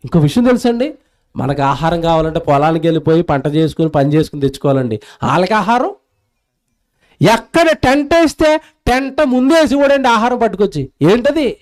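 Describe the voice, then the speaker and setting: A man preaching a sermon in a lively storytelling way, acting out the voices of the people in his story. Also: high voice, brisk, rough recording. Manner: animated storytelling, acts out quoted voices.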